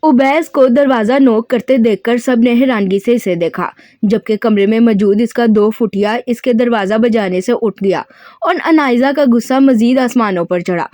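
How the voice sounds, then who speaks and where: A woman's voice: fairly high pitch, moderate pace, dark tone, dry recording, studio quality. A woman narrating an audio novel, reading the dialogue expressively and lifting her voice for quoted speech. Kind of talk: scripted narration with dialogue read in character.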